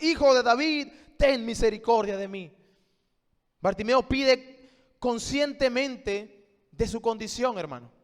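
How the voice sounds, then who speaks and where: Brief: male pastor, high voice, preaching in a church with long reverb. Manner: shifts between hushed and emphatic, rhetorical questions. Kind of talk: sermon.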